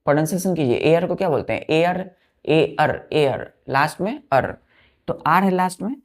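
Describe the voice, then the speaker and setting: A woman teaching a vocabulary lesson, repeating words slowly and checking that the children follow, with an Indian English accent on the English words. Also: low-pitched, animated. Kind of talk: vocabulary lesson, explaining word by word.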